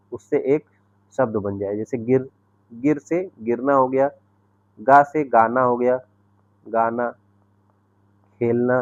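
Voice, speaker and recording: Man, grammar teacher, step-by-step explanations, mid-pitched voice, dry lo-fi recording. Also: a little mellow. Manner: explains step by step, often checks with "ठीक है". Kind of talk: grammar lesson explaining with examples.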